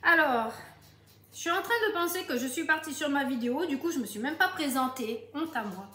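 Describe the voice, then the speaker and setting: Southern French woman, middle-aged, high voice, chatty home-cooking demo, echoey kitchen. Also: lively intonation, a little fast, a bit bright. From southern France. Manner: chatty, addresses viewers directly. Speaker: Tupperware demonstrator. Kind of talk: casual cooking tutorial.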